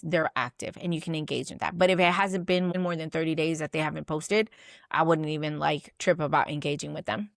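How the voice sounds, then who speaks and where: Low-voiced woman coaching in a dry room. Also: no echo. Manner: chatty, loose, fills with "like"; acts out sample messages. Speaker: business coach. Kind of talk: casual teaching to camera.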